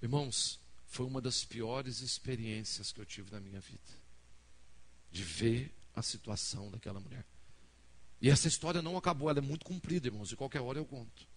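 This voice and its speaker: A man's voice: medium pitch, fairly quick. A man from Brazil, a pastor preaching a sermon, telling a story and acting out each person's lines to the congregation. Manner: dramatic storyteller acting out dialogue, addressing the congregation. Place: church hall.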